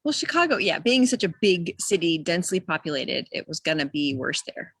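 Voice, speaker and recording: A woman's voice: fairly low pitch, sing-song, brisk, a bit bright, breathy edge, no room sound. A woman, a guest who organizes a yarn event, chatting and chiming in agreeably. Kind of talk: casual chat.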